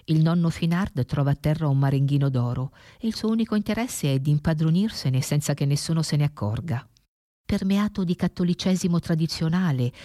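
A film commentator giving a measured, reflective scripted narration about a classic film. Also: mid-range voice, mellow, dry recording, clean studio sound.

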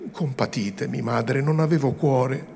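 A man gives voice to a pious young woman near tears, pleading softly with her mother. The voice sits higher than his own low, gravelly reading tone. A faint hiss runs underneath. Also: unhurried. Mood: tearful pleading. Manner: soft, earnest and imploring.

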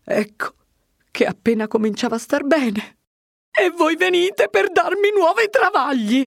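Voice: mid-range voice, expressive, moderate pace, a little mellow, no echo, clean studio sound. A reader voicing a fretful, self-pitying old male priest who grumbles about his troubles. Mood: complaining.

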